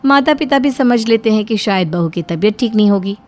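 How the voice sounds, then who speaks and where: A woman giving steady, scripted narration for a cartoon moral story. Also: mid-range voice, a little fast, soft background music.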